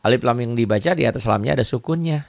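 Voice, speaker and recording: A man's voice: medium pitch, rapid-fire, gravelly, darkish tone, dry recording. A man with an Indonesian accent teaching beginners to read the Quran, patiently repeating each point and pointing at examples. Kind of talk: online recitation lesson.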